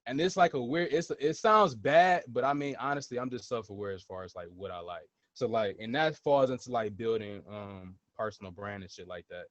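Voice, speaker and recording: A man's voice: medium pitch, normal speed, few pauses, no room sound. Twenties male host, blunt and profane, casual chat, muffled dry mic. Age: 20s. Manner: blunt, swears freely, emphatic repetitions. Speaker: podcast host. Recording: dull, dry lo-fi sound.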